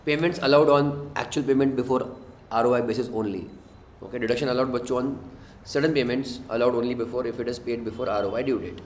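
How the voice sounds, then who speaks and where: Man, Indian accent, classroom tutor, questioning and prompting, medium pitch, roomy echo, faint background noise. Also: fast talker, a little mellow. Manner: prodding students with questions and short tag checks. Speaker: tax tutor teaching a class. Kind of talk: interactive classroom lesson. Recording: echoey room with faint noise.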